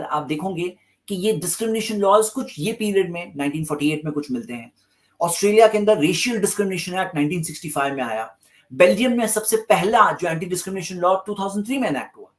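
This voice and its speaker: A man delivers a religious lecture with a lively, swinging pitch that rises and falls through every sentence. He stresses his points by repeating key phrases. He slips English terms into his speech. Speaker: Islamic lecturer.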